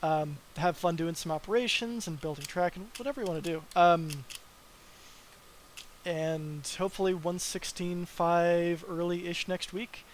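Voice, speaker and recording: A man's voice: high voice, a little slow, a little hiss or hum, rough recording. Rambling man on a live dev stream. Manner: rambling, filler-heavy, tired. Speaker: mod developer streamer. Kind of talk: casual live stream chat.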